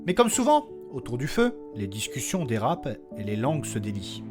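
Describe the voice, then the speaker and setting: A man narrates his own audio fiction podcast, delivering scripted lines in a medium-pitched voice whose pitch swoops wildly. He keeps a moderate pace, with faint music playing behind him.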